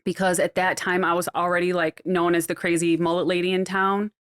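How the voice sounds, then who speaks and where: A woman's voice: on the low side, flat delivery, fairly quick, clean tone. A middle-aged woman with a Midwestern American accent, a hair stylist guest talking casually on a podcast, chatty with lots of fillers. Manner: chatty, laughs often, uses many fillers.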